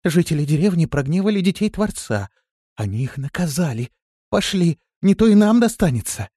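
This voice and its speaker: A man's voice: on the high side, sing-song, normal speed, warm tone, husky, no echo, studio quality, voice pushed up. A man reading an audiobook, voicing a timid young female demoness who speaks in a trembling, pleading, fearful voice. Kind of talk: audiobook character voice.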